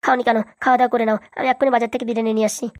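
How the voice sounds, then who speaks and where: A remorseful young husband pleads with his wife in a cartoon, voiced by a woman. The voice is raised above her own and rushes along. It sounds a touch distant from the mic. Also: on the high side, level tone, darkish tone, pitched above the performer's own voice, lightly acted. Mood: apologetic. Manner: pleading, earnest. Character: apologetic young husband begging his wife's forgiveness. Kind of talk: cartoon voice acting.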